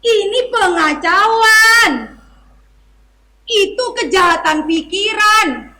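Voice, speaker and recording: A woman's voice: extremely high pitch, very slow, sharp tone, pitched above the performer's own voice, exaggerated voice. A woman performing a theatre monologue as a blustering, authoritarian officer, declaiming. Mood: furious, shouting. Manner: hammy, theatrical stage declamation. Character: blustering authoritarian security officer, bullying and indignant.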